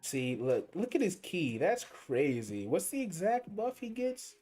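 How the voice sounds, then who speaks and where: A young man livestreams a mobile game, rambling and thinking aloud in slangy commentary while faint game music plays. His voice is high, mellow, and very animated, though his pace is unhurried.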